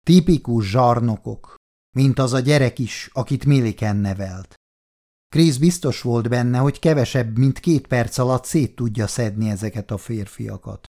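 Reading from a script, a male audiobook narrator speaks in a mid-range voice. His delivery stays even and measured throughout.

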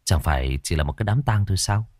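A young man investigator, voiced by the narrator, playing innocent as he asks mild questions. His voice sits slightly lower than the narration. The reading is close and dry. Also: lively intonation, fast, darkish tone, no echo. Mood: curious. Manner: mildly questioning.

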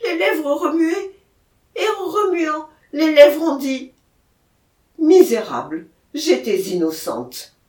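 A woman's voice: high voice, animated, slow pace, a little mellow, roomy sound, voice pushed up. A woman putting on a frantic pleading murderer. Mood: terrified. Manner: frantic, pleading, near tears. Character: terrified male murderer, pleading, half-mad.

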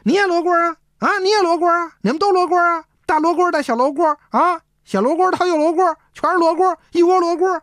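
A wild, cursing man played by a woman rants in a high, loud voice, as though raving mad. He fires off insults without pause in a traditional storytelling tale. The voice is close and dry. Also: no room sound.

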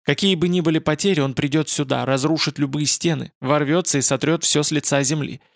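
A man's voice: fairly high pitch, steady tone, a little fast, gravelly, dry recording, clean studio sound. A man voicing a proud, fierce young woman held captive, urgent and commanding. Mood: pleading.

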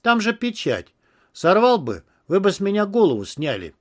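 A man's voice: high-pitched, huge pitch swings, normal speed, voice pushed up. A man voicing a stooped, nervous young male henchman who mumbles deferentially.

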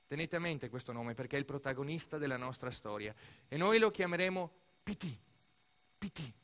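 An Italian man with a medium-pitched voice performs a theatrical monologue as a stage narrator. He is expressive and playful, leaning on dramatic emphasis and deliberate pauses.

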